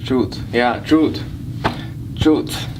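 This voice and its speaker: A man in his twenties being interviewed in an elevator, speaking thoughtfully with many pauses. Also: medium pitch, noisy background. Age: 20s. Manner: thoughtful, hesitant, reflective. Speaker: interviewee, doctor. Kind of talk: casual conversation.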